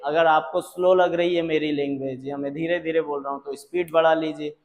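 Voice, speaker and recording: A man tutoring physics, slowly working through exam problems and checking that students follow. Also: a little high, fairly even intonation, highs cut off. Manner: calls students "beta", checks understanding; slow, deliberate explaining.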